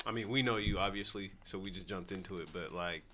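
A male podcast co-host with a low voice and a bright, forceful tone. He asks his question in a relaxed way, with "um" and "like". Faint noise sits under him. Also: fast. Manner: relaxed, hesitant with fillers. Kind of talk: casual chat.

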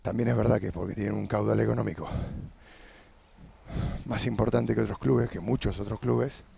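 A man with an Argentine accent, hosting a podcast as a casual monologue while riding a bicycle outdoors, thinking aloud with pauses mid-phrase. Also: on the low side, fairly even intonation, creaky, warm tone, breathy edge. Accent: Argentine Spanish. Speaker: podcast host.

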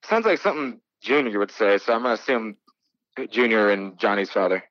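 A man's voice: on the low side, expressive, brisk, fairly bright tone, no room sound, lo-fi sound. A man calling in as a quiz contestant, laid-back and laughing, cursing casually as he guesses. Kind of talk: casual chat.

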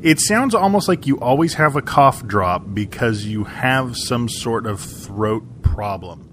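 Male podcast host, clear background noise. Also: mid-range voice, animated, measured pace, fairly bright tone. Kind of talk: casual interview chat.

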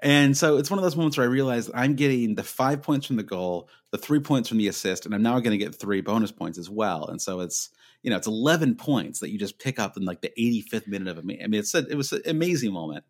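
Male podcast co-host, low voice, fast and halting with many restarts, casual chat. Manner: quick, hesitant, lots of restarts when excited. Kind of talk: casual fantasy football chat.

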